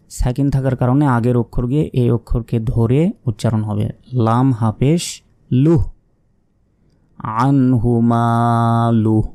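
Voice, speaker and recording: A man's voice: mid-range voice, warm tone, no room sound. A man teaching Quran reading step by step, spelling out letters and marks, asking questions and then answering them patiently.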